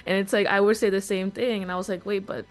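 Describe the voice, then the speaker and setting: Female host, mid-pitched voice, sympathetic and chatty; light music under. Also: little pitch movement, quick pace. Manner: supportive, relating with own experience. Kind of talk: casual interview chat.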